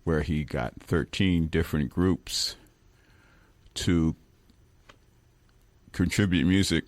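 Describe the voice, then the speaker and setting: A guest musician from Brooklyn, New York, speaks with an extremely low pitch during a relaxed radio interview in a studio. He rambles, restarts sentences often, corrects himself, and chuckles now and then. The recording is dry.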